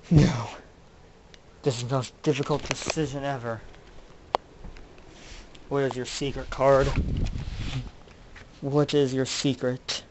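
A channel host with a medium-pitched voice acts out a melodramatic mock-detective comedy skit, interrogating his toys. Background noise can be heard.

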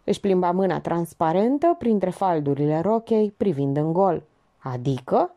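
A woman narrating a novel as an audiobook reader, expressive and measured. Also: fairly low pitch, no room sound, lo-fi sound.

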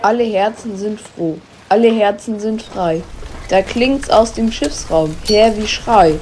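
A woman narrating a ballad as a measured, declamatory dramatic recitation. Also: mid-range voice, darkish tone. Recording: music under the voice.

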